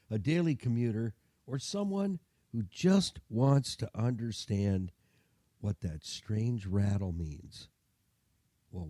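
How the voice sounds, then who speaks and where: A man hosting a folksy car show on radio and podcast keeps up a jokey, homespun patter. His medium-pitched voice is dark and relaxed, made gargly and congested by a winter cold, and the studio sound is dry and close with no room sound.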